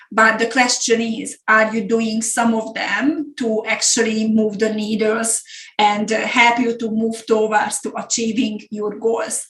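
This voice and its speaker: Recorded in an echoey room, this business coach is a middle-aged woman from Hungary whose voice is a little high and somewhat bright. Her Hungarian accent comes through as she earnestly leads an online business masterclass, repeating words to stress her points.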